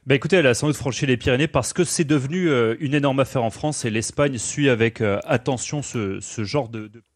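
Male foreign correspondent, live on radio, halting delivery, dry sound. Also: medium pitch, no echo. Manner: halting, reads out press quotes.

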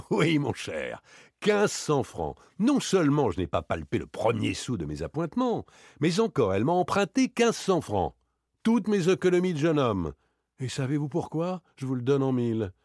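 A man's voice: medium pitch, wildly swooping pitch, moderate pace, darkish tone, dry recording, studio quality, voice pushed up. Man voicing Arsène Lupin, proud and mocking. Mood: rueful amusement. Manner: ironic, theatrical outbursts. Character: suave, proud male gentleman burglar, mocking and indignant. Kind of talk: audiobook character reading.

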